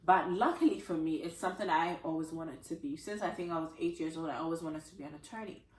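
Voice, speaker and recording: A woman from Ghana in her thirties gives a motivational talk straight to camera, her voice a little croaky and fairly low. She speaks with earnest emphasis and piles up repeated phrases. The room around her sounds echoey. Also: fast. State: slightly croaky voice. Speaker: attorney and author, channel host.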